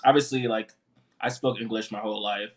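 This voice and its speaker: A man's voice: fairly low pitch, fairly even intonation, a little fast. A young man from Africa, a podcast co-host, chatting casually and laughing often with friends. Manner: laid-back, laughs often. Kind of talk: casual chat.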